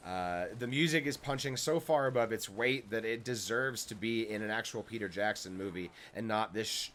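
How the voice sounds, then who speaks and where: A man's voice: fairly low pitch, normal speed, a bit bright, a little hiss or hum. A man in casual chat while gaming, blunt and cynical, reeling off complaints.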